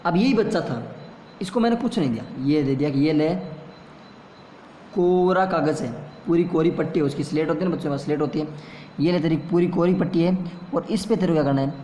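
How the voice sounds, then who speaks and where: A man's voice: fairly high pitch, a little fast, warm tone, a little hiss or hum. A man teaching a classroom lesson, asking questions and answering them himself, heard in an echoey room a long reverb. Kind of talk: classroom lecture.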